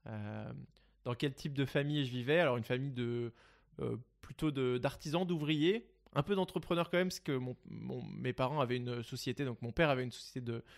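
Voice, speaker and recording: A young guest investor from Seine-et-Marne, in the Paris region of France, tells his story casually in an interview with many fillers and restarts. He speaks briskly at medium pitch, with vocal fry.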